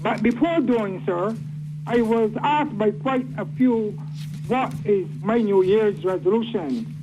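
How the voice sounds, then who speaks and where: A man calling in to a radio show, speaking in a formal, flowery, deliberate way. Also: high-pitched. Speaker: caller. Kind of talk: phoned-in radio comment. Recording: dull lo-fi phone line with noise.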